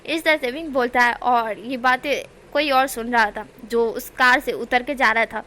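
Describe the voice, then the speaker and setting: A woman's voice: a little high, steady tone, moderate pace, sharp tone, a little hiss or hum. A woman retelling a story in a chatty, casual way, repeating herself and using fillers. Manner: chatty, repetitive narration with fillers.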